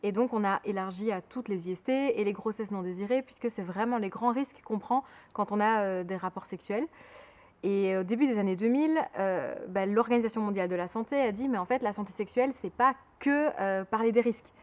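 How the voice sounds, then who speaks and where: A woman's voice: medium pitch, brisk, highs cut off. A woman in her twenties from Belgium, director of a sexual health association, answering interview questions with many fillers and restarts. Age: 20s.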